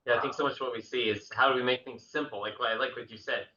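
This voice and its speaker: A man's voice: mid-range voice, steady tone, fast, sharp tone. A man interviewing a guest, asking loose, hesitant questions full of uh and um. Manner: hesitant, many fillers. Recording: dull echoey room audio.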